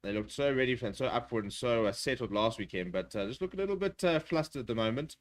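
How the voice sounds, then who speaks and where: A man calls a rugby match live for a watchalong audience. He talks at a quick clip, piling up fillers and restarts, and his voice jumps up whenever the play gets going. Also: medium pitch. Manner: rapid, excitable play-by-play with filler words. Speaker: watchalong commentator. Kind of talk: live rugby commentary with chat replies.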